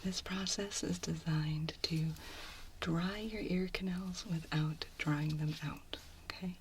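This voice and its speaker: A woman's voice: fairly low pitch, steady tone, slow, a little hiss or hum. A woman whispers an ear cleaning ASMR role-play as a soothing, reassuring clinician giving an exam. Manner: soothing, reassuring, professional clinical bedside talk.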